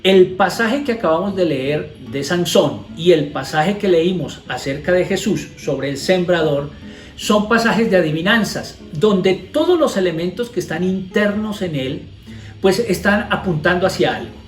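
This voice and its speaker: A male pastor with a Colombian Spanish accent and a somewhat high voice teaches a devotional. He reads scripture aloud, then breaks it down with rhetorical questions. The room echoes, and soft guitar music plays faintly behind him. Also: expressive, measured pace.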